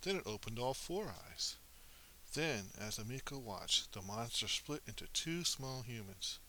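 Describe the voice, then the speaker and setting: A man narrating a children's story in an animated, expressive reading with small slips. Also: medium pitch, a little slow, slight background noise, rough recording.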